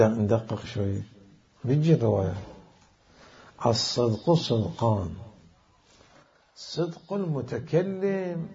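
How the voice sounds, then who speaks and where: A man teaching a classical religious jurisprudence lecture, deliberate, posing questions and answering them himself. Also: mid-range voice, creaky, a little mellow. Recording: dull lo-fi recording.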